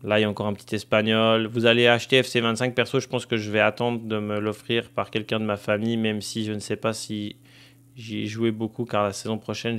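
A man's voice: lowish voice, fairly bright tone, smooth. A young man casually commenting on a football career game, thinking aloud with many fillers and addressing viewers directly. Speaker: gaming streamer.

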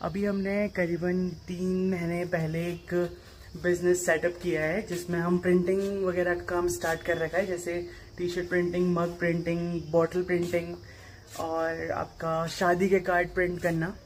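A man in his twenties narrates a casual vlog tour through home rooms, a courtyard, and a small shop, talking informally straight to viewers. His high-pitched voice shows little pitch movement at a moderate pace. He holds the phone at arm's length, and clear background noise comes through the handheld recording.

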